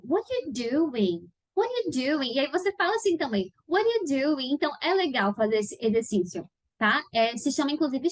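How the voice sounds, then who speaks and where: A high-voiced woman with a Brazilian Portuguese accent, teaching in a patient, didactic way. She keeps checking that her viewers follow along. The recording is close and dry. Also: no echo. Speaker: English teacher. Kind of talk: video lesson explaining study steps.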